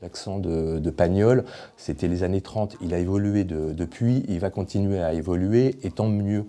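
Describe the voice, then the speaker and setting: A man speaks in a casual interview, haltingly, repeating words as he forms his thought. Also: deep voice, dark tone. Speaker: film director interviewee.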